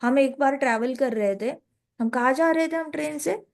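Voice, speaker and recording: A woman's voice: high voice, normal speed, creaky. A woman giving a conversational scripture talk as a devotional speaker, often mixing in English phrases.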